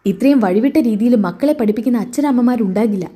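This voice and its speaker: A woman's voice: on the high side, fast talker, mellow, husky. A woman voicing a scornful, proud mother who sneers while defending her daughter in a recap. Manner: sneering, contemptuous.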